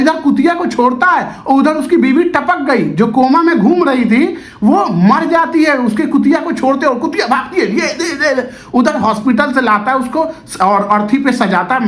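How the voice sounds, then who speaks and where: High-voiced sarcastic man roasting a film. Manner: animated, sarcastic, swears a lot. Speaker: movie reviewer. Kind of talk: profane comedic film roast.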